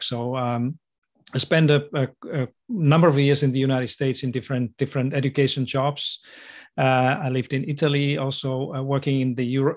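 Thoughtful Finnish-accented man, modest tone. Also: medium pitch. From Finland. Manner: thoughtful, modest, hesitant with many fillers. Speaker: guest, education expert. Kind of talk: podcast interview.

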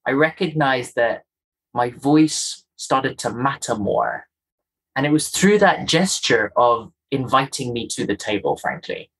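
A man's voice: mid-range voice, a bit bright, breathy edge, poor audio. A man from Kenya with a faint, polished Kenyan accent, a guest speaking earnestly and emphatically about his own experience in an interview. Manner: earnest, emphatic, repeats key phrases. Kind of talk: reflective interview talk.

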